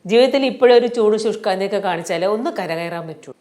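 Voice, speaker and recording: A woman's voice: mid-range voice, fast, warm tone, natural voice. An actress playing a weary, exasperated middle-aged mother trying to keep the peace in a TV sitcom. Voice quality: scolding, exasperated. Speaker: mother of the family. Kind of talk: TV sitcom acting. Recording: TV sitcom with faint music.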